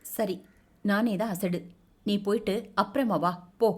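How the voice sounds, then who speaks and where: A brisk young wife from an audio novel, voiced by a woman narrator. She speaks curtly and impatiently, brushing others off in her own everyday voice. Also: mid-range voice, steady tone, natural voice. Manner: curt, impatient.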